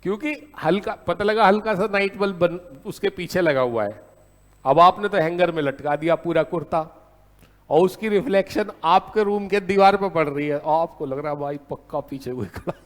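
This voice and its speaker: A man teaching a law lecture in a lively storytelling way, often checking in with his class. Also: high-pitched, long reverb tail. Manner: lively storytelling, keeps asking "है ना?".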